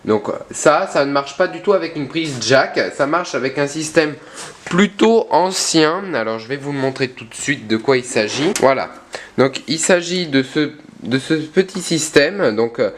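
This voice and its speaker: A man's voice: a little high, normal speed, a little hiss or hum. A young man presenting his own vlog casually, hesitant, with many fillers and self-corrections. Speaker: vlogger.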